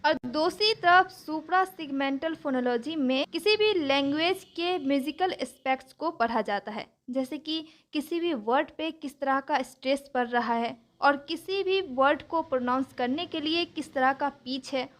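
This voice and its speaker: A woman teaching a lesson, explaining terms slowly and carefully with example words. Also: high voice, animated, a bit bright.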